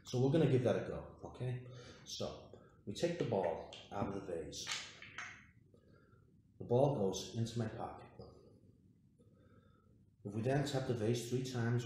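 Male magician presenter, lowish voice, orderly demonstration patter; heavily reverberant home recording with faint noise. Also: dark tone. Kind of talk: scripted magic routine patter to camera. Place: indoor room at a wooden table. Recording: very echoey room, faint noise, clicks.

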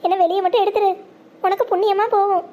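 A high-voiced performer voicing a young daughter in jail who whines and begs to go home. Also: little pitch movement, quick pace, dark tone. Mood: whining. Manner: whining, begging. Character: whiny young jailed daughter.

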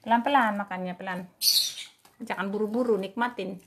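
A woman's voice: mid-range voice, fairly even intonation, moderate pace. A woman vlogging as she feeds her dogs, talking to them in a singsong, affectionate way, cooing and scolding in turns. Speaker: dog owner feeding her dogs. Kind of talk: casual vlog talk to pets.

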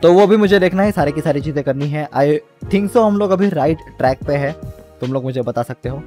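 A young man with a slightly high voice walks through his game build step by step in easy, chatty commentary. He drops English words into his sentences, with soft music behind him. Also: fairly quick. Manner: explains step by step, mixes English words into speech. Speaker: gaming channel host. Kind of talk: casual gameplay commentary.

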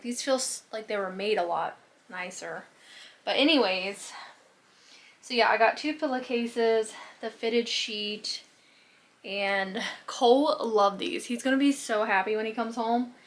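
A woman's voice: mid-range voice, fairly bright tone. A woman talks in a loose, rambling way to her phone camera. She is recording a casual home vlog in a small bedroom. She often reaches for "um" and "like" as she talks. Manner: chatty and rambling, with frequent fillers like "um" and "like". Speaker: lifestyle vlogger. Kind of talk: casual day-in-the-life vlog chat.

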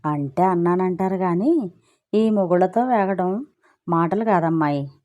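A woman's voice: fairly low pitch, a little slow, warm tone, lightly acted. A woman reading a story and voicing a chatty married woman who complains breezily and justifies herself. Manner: breezy, gossipy, self-justifying.

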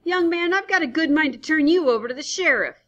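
A woman voicing a gruff, scolding rural man who runs a roadside stand, woken in the night, on a dull lo-fi recording. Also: sits high, very animated, a little slow, fairly bright tone, pitched above the performer's own voice, full character voice. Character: gruff sleepy rural male stand owner.

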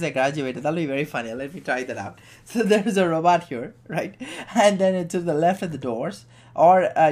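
A man walking viewers through a software tutorial on screen. He thinks aloud as he clicks through menus, with many fillers and a frequent "right?" to check in with the viewer. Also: fairly high pitch. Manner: hesitant, many fillers, keeps asking "right?". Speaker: software instructor.

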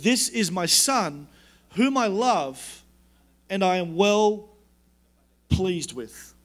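A man preaching a sermon as a pastor, emphatic and repetitive, dropping low and soft when he quotes God's words.

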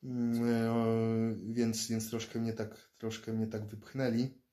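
A Polish man in his thirties, a fighter and self-defense instructor who vlogs, talks casually into a close-up phone or laptop camera in a small indoor room. His medium-pitched voice is slow and warm with a level tone. He rambles, often repeating words as he restarts.

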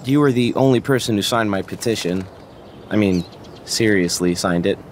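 A man playing an earnest, pretentious young student photographer in a video game, articulate and high-minded in how he talks. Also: normal speed, slight background noise, natural voice. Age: young adult. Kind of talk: video game dramatic acting.

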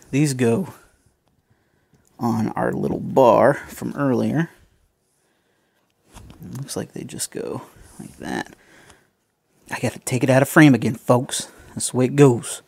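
A man's voice: mid-range voice, slow, vocal fry, long pauses, a little mellow, slightly rough, no room sound. A man chatting casually to viewers as he builds a toy kit, joking at his own expense and calling them folks. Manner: chatty, self-mocking, talks to viewers as folks. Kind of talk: casual unscripted build commentary.

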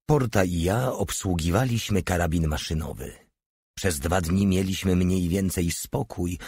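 A man narrating an audiobook in a steady, measured reading. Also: low-pitched, breathy edge, dry recording. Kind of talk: scripted narration.

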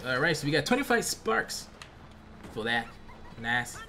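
A young American man giving casual, slangy, animated commentary as he plays a video game. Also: mid-range voice, unhurried. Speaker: gaming video host. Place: indoor room at home, facecam. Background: game music.

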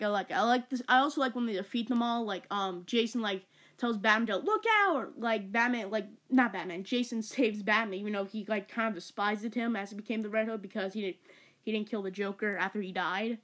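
Rambling excitable young woman reviewer. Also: mid-range voice. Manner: rambling, filler-heavy, excitable, stumbling over words. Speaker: movie reviewer. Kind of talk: casual video review.

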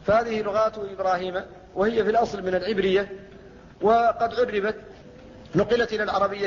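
High, even-toned male lecturer in reverb. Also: a little hiss or hum. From Mauritania. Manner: steady scholarly explanation, quoting verses. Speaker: Quran recitation teacher. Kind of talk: classical Arabic lecture on tajweed. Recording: dull lo-fi lecture recording with long reverb.

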